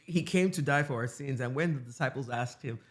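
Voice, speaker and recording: A young adult man from Nigeria, co-hosting a podcast in an emphatic, animated, sometimes preachy way. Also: medium pitch, a little fast. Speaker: podcast co-host. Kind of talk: casual chat.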